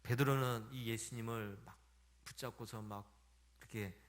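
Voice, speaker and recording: A man's voice: medium pitch, steady tone, normal speed. A man preaching a sermon as a pastor, retelling a Bible story and speaking directly to his listeners. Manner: storytelling, addressing the congregation directly.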